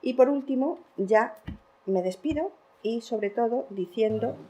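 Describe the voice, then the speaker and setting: A woman from Spain giving an academic conference talk, lively, with fillers and laughter between points. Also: on the high side, measured pace. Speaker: lecturer.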